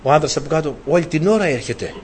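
A man's voice: on the high side, expressive, slightly rough. A man preaching a sermon, retelling a story animatedly and asking his listeners rhetorical questions.

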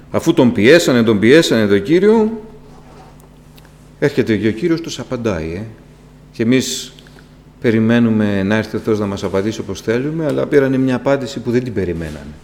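A man preaching a sermon to his congregation, impassioned, with sudden rises in pitch and volume, asking rhetorical questions and speaking to them directly. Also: darkish tone. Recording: long reverb with faint electrical hum.

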